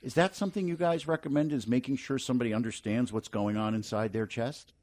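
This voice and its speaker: A man in his forties hosting a business talk radio show, speaking in a brisk, plainspoken way. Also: medium pitch, steady tone, darkish tone.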